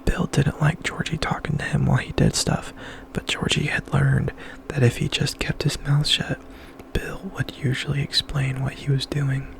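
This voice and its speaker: A man reading a novel aloud as ASMR in a breathy, intimate whisper, very close, as if right in the listener's ear. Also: on the high side, a bit bright.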